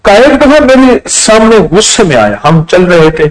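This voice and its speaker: Male preacher telling anecdotes from the pulpit, pitched a little high, voice swinging widely as he acts out each story. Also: low-quality recording. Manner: animated storyteller who acts out the people in his anecdotes. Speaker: religious speaker. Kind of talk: storytelling sermon.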